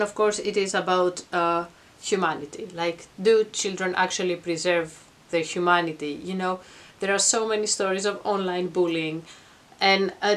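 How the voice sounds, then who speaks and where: A woman's voice: fairly low pitch, a bit bright. A middle-aged woman giving an informal explanatory talk to camera in a reflective, earnest, conversational manner. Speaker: vlogger. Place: attic at home.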